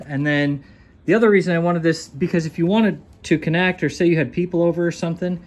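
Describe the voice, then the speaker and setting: A man's voice: on the high side, steady tone, fast, slight background noise. A man casually narrating his own restoration work in a driveway and a garage workshop, thinking aloud in a folksy, rambling way while he films on a handheld phone. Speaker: restoration video host.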